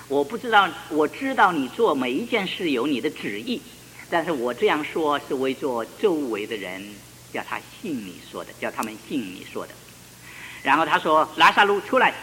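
A man preaching a sermon and reading scripture aloud, animated, with rhetorical questions and loud shouted calls. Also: mid-range voice. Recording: long hall reverb, faint tape hiss.

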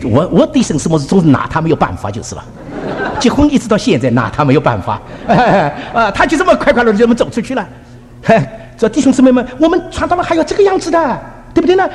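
An older man preaching, telling family stories in an animated, chuckling way and acting out quotes, with English words mixed in. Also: sits high, big-room sound. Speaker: pastor. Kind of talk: sermon with personal stories.

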